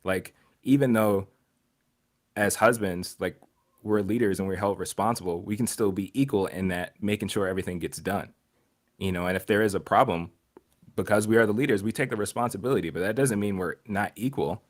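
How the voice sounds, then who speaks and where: A man with a low voice co-hosts a podcast, thinking aloud with frequent restarts. He often slips into quoting imagined people to make a point. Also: brisk. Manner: reflective, repeats words while thinking; voices other people in quotes. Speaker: podcast co-host. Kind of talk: casual discussion.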